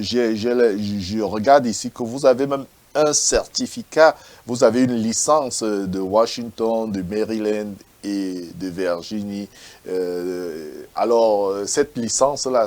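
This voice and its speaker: A man's voice: on the low side, darkish tone. A man hosting an interview, stammering and repeating words with many fillers as he asks questions. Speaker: interviewer, host.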